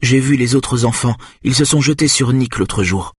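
A man's voice: medium pitch, normal speed, breathy edge, dry recording, studio quality, natural voice. A man voicing a frightened, sad teenage girl. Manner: faint, small voice. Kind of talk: audiobook character voice.

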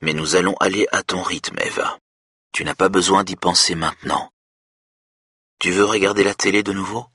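A man with a husky voice, playing a calm, self-assured hypnotist who speaks low and soothingly. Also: measured pace, no room sound, studio quality, exaggerated voice.

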